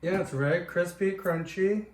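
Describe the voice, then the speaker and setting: A woman hosting a parody cooking and craft show, explaining each step with gushing, playful over-excitement. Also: lowish voice, normal speed, heavy background noise. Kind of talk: mock-earnest cooking and craft demo.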